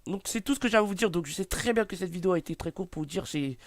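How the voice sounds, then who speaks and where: A man's voice: sits high, rapid-fire, no room sound. Hesitant young man reading celebrity facts. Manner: hesitant, many fillers and restarts, apologetic. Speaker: YouTuber presenting a celebrity biography. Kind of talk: casual read-aloud commentary. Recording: faint background noise.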